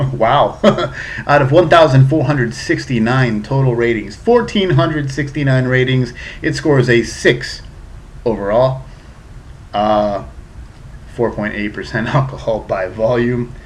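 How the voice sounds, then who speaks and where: A slightly drunk man in his thirties from South Florida reviews a beer on his webcam, chatty, profane and a bit tipsy. His voice is medium-pitched and slow.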